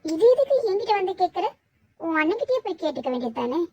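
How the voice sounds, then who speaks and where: A shy young village woman in a cartoon, voiced very high by a woman. She speaks softly and hesitantly, polite to a fault. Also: very animated, fast, no echo, highs cut off, exaggerated voice. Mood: firm. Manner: hesitant, soft-spoken. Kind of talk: cartoon voice acting.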